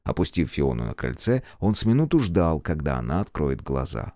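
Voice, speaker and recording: A man reads an audiobook in a very low voice with wide, lively intonation. His delivery is measured and expressive. The recording is dry and close. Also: no echo. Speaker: audiobook narrator. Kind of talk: scripted narration.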